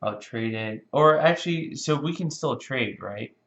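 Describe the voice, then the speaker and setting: A man new to the game thinks aloud quietly and unsurely, asking about the rules in casual board game chat. His mid-range voice is expressive, unhurried and gravelly. The recording is dull and lo-fi, in an echoey room.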